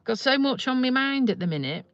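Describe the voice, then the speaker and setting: High-voiced and expressive, she talks a little fast with a fairly bright tone, though the recording is muffled and has no echo. She's a Lincolnshire woman with a hint of Yorkshire, live-streaming from a parked car and chatting to viewers in a rambling, self-deprecating manner.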